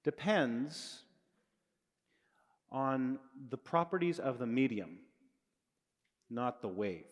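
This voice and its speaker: A middle-aged man talks through a live physics lecture in a large hall, holding a microphone and casually explaining while amending his own statements. His mid-range voice has a sing-song lilt and a slow pace, and the hall adds long reverb.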